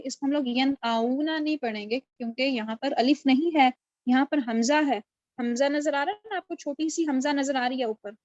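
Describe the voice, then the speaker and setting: Woman, recitation teacher, patient questioning manner, high voice, dull lo-fi call sound. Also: dry recording. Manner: patient, asks students questions and praises answers. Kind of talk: online class lesson. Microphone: video call.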